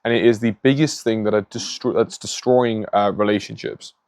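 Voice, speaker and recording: A man's voice: fairly low pitch, steady tone, moderate pace, darkish tone, no echo, clean studio sound. A man hosting a faith-based vlog, speaking earnestly and moralizing from his home by a garden pond, with frequent restarts. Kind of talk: casual spoken monologue. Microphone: phone.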